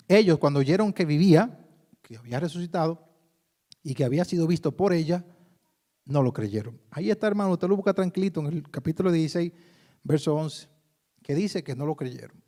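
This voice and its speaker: A man's voice: a little high, expressive, a little fast, long pauses, dark tone. A man preaching a sermon in a conversational way, often calling his listeners brother. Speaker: pastor.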